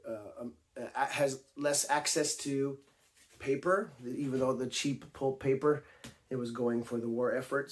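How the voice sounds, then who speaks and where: A man with a raspy voice, still getting over a cold, hosts a casual talk about books he collects. He speaks in a middle pitch and stays chatty, with occasional fillers and restarts. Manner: chatty, with frequent ums and restarts. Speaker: book collector video host.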